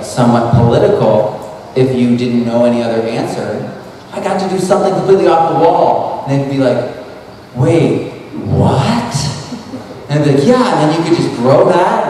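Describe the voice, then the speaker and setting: A man with a fairly high, warm voice gives a conference talk on a handheld mic in a large expo hall, rambling casually with lots of "like" and restarts. He's recorded from far off, so the hall echoes, and there's slight background noise.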